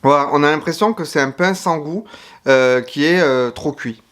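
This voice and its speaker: A man's voice: on the high side, normal speed, a bit bright, clean tone. A man giving casual food-tasting commentary to camera, chatty and frank, sometimes talking while chewing. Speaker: YouTuber tasting foreign food.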